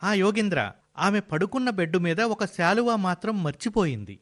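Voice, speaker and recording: A man's voice: high voice, lively intonation, brisk. A man playing a kind hospital doctor who explains things earnestly.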